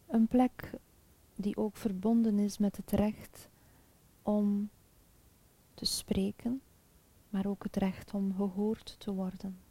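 A woman guiding a chakra meditation in a soft, calm, half-whispered spa-like voice with long pauses. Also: medium pitch, slightly rough, rough recording. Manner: slow, calm, soothing, with pauses. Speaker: meditation guide.

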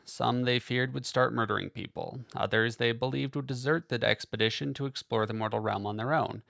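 Gravelly male audiobook narrator. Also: mid-range voice, no room sound, studio quality. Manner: steady, measured reading. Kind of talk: scripted fantasy novel narration.

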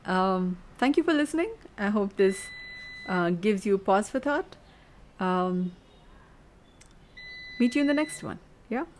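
Meandering, musing woman, voice of middle pitch. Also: animated, slow pace, pauses often, slight background noise. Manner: meandering, searching for words, ends points with a questioning "yeah?". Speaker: podcast host. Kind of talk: reflective solo monologue.

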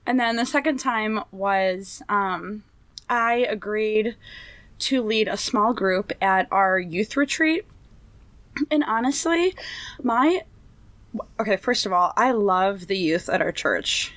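A woman's voice: medium pitch, expressive, slow, a bit bright, no echo. A woman telling stories in casual chat, laughing often and acting out quotes.

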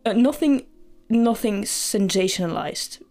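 A woman's voice: medium pitch, expressive, unhurried, mellow, faint music behind. A woman hosting a storytelling podcast, earnest and hesitant, with many fillers and restarts. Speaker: podcast host.

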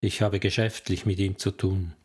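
A man's voice: low-pitched, flat delivery, moderate pace, a little mellow, slightly rough. A man reading an audiobook, voicing a wary woman investigator who asks persistent, probing questions. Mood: calm. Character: wary adult woman, federal police investigator.

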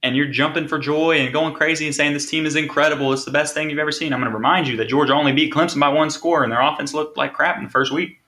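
A man's voice: fairly high pitch, steady tone, fast talker, few pauses, sharp tone. A man hosting a sports podcast, talking casually and driving points home with rhetorical questions. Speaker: podcast host.

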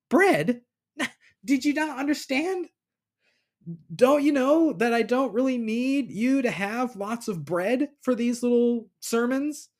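A man voicing an exasperated male teacher who scolds his followers in an incredulous, scolding tone. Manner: incredulous, scolding, high-pitched.

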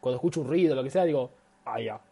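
A man's voice: on the high side, racing, dark tone, breathy edge. A man co-hosting a casual podcast with friends, speaking, joking and laughing often. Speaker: podcast co-host. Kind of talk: casual banter among friends.

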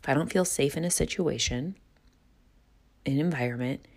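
A woman's voice: low-pitched, normal speed, darkish tone. A woman hosting a solo self-help podcast, speaking earnestly and reflectively, often rephrasing and repeating herself for emphasis. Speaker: podcast host and coach.

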